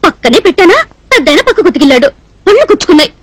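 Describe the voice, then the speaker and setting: An actress playing a naive, whiny young woman in a dubbed film comedy, pleading quickly. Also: very high voice, very animated, dry recording. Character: naive, tearful young woman hoping to marry.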